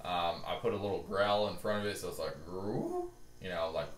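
A man's voice: low-pitched, fairly even intonation, fast talker. A young man giving a casual, laid-back and reassuring how-to talk as a hunting-call instructor. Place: garage with boat and hunting gear. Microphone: camera a few meters away. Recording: echoey garage, noticeable background noise.

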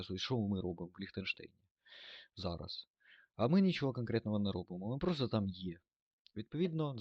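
Male German tutor, low voice, thinks aloud through examples, dull dry recording. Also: dry recording. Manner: thinks aloud, fillers and self-corrections. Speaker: German language teacher. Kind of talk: explanatory grammar lesson.

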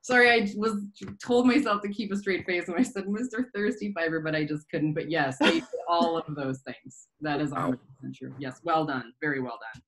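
A woman's voice: deep voice, fairly quick, fairly bright tone, rough recording. A woman hosting a casual staff quiz, reading questions and often breaking into laughter. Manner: giggly, keeps breaking into laughter. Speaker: quiz host on a staff podcast.

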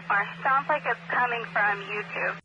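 A woman's voice: fairly high pitch, moderate pace, bright, forceful tone. A woman working as a police dispatcher, speaking in clipped, procedural phrases over police radio. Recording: noisy, dull police radio scanner audio.

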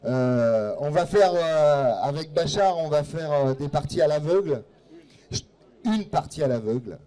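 A man hosting a live chess event, presenting a guest with lively, teasing introductions over a microphone. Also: on the high side, a little slow. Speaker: event host.

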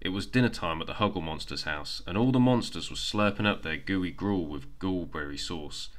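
Male bedtime-story narrator, very low voice, gentle and even. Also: moderate pace.

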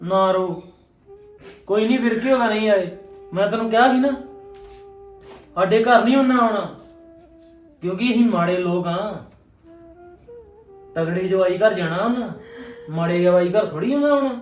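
Guy acting as a talky young husband, high voice, echoey room, mic far away, music under. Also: normal speed, long pauses, close to an everyday voice. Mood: consoling. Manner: chatty, coaxing, repeats himself. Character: young husband, teasing then consoling his wife. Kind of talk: family web drama acting.

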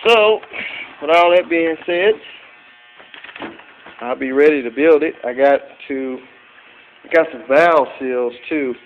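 In his cluttered garage workshop, a hobbyist mechanic vlogger gives a plain, casual show-and-tell of engine parts. His voice is fairly high, his pace slow, with frequent pauses. He films on a handheld phone, so the audio is tinny with an electrical hum.

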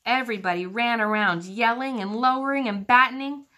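A woman's voice: fairly high pitch, fairly even intonation, a little fast, bright, forceful tone. A woman teacher reading a children's book aloud, engaging her young listeners with questions about the pictures.

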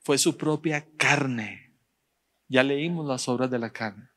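A man's voice: medium pitch, fairly bright tone. Man preaching a sermon. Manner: direct, addresses the congregation, rising emphasis and slow stressed phrases. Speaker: pastor. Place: church.

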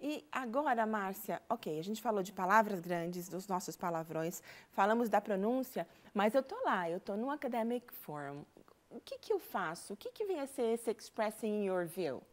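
A woman's voice: mid-range voice, sing-song, moderate pace. Brazilian woman prompting with questions. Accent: Brazilian Portuguese. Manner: asks questions to prompt her colleague. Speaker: co-host teacher. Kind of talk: bilingual lesson dialogue.

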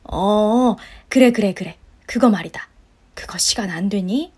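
A woman's voice: mid-range voice, unhurried, a little mellow, husky. A woman voicing a pushy, guilt-tripping older mother-in-law in a story-radio drama, scolding and sighing. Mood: nagging. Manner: scolding, wheedling, sighs of complaint.

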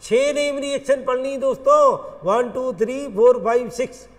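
A man with an Indian accent, teaching a chemistry lecture in an animated, coaxing way and addressing students as friends. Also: very high-pitched, moderate pace, long reverb tail. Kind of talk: classroom lecture.

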